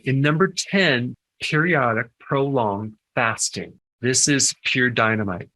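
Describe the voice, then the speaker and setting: A man's voice: medium pitch, slow pace, pushed and bright, rough recording. An older man, a health educator, giving advice in an informal talk and often stopping to ask "okay?". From United States. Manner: conversational, punctuates points with "okay?".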